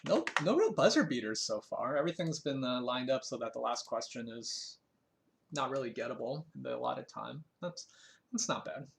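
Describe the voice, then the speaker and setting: Man blurting quick trivia answers. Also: medium pitch, gravelly. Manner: quick answers, excited self-talk. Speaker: trivia game player. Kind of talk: casual gaming commentary.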